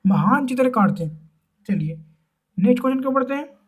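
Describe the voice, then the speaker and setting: A woman teaching a quiz-style exam-prep lesson. She asks each question, then repeats the answer, with drawn-out fillers. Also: a little high, lively intonation, slightly rough. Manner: drawls and repeats words, frequent fillers.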